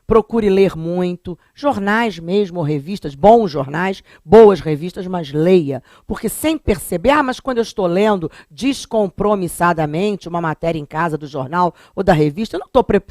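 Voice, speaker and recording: A woman's voice: on the low side, moderate pace, hardly any pauses, no room sound, studio quality. A woman from Rio de Janeiro with a carioca accent, teaching a Portuguese exam-prep lesson and talking straight to her students, stretching words out to show how they sound. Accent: Carioca Brazilian Portuguese. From Rio de Janeiro, Brazil. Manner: lively, talks straight to students, drawls words out to show pronunciation.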